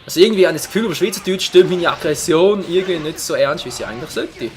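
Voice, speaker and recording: A man with a Swiss German accent commentates a video game as he plays. His voice sits a little high and swings widely in pitch as he exclaims and swears at the action, with music faintly behind him. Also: lively intonation, fast talker. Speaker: gaming let's player. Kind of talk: excitable gameplay commentary.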